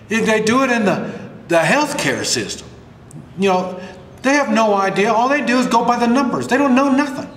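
An older man with a fairly high voice rants grumpily and bluntly, as if to a camera at home. His delivery is exasperated and halting, full of rhetorical questions. The room is very echoey and reverberant, with a faint layer of noise. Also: a bit bright. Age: older, about 60s. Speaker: vlogger delivering opinion rants. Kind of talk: unscripted opinion rant to camera. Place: bare-walled room indoors at home.

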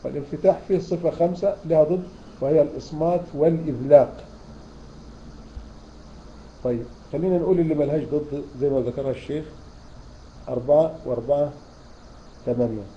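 A man's voice: fairly high pitch, fast, pauses often, muffled recording, slight background noise. A man with an Egyptian accent teaching tajweed in an online lecture, asking his students questions and repeating key terms. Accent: Egyptian Arabic. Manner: explains in a questioning, repeating style. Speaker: Quran recitation teacher.

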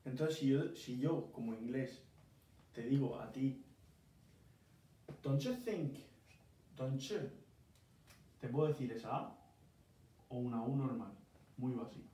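A man's voice: mid-range voice, normal speed, pauses often, mellow. A man from Murcia with a Murcian Spanish accent, patiently explaining English pronunciation step by step in a casual one-on-one lesson. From Murcia, Spain. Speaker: English teacher. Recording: very echoey room, mic far off, faint noise.

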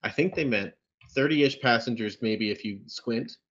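Man, sarcastic, dry humor, mid pitch, casual review chat, slightly muffled video call. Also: moderate pace, fairly bright tone, husky. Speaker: podcast co-host reviewing films.

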